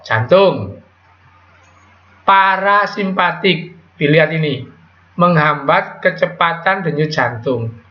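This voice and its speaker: A man teaches a classroom biology lesson, his voice pitched a little high for a man. He keeps quizzing the students with quick back-and-forth questions in a loose, casual way. The recording is echoey and dull, with a lo-fi sound. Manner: casual, with Javanese slang words.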